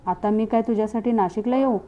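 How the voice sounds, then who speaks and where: A woman's voice: a little high, quick pace, warm tone, muffled recording, close to an everyday voice. Woman reading a crude, blunt dealer friend.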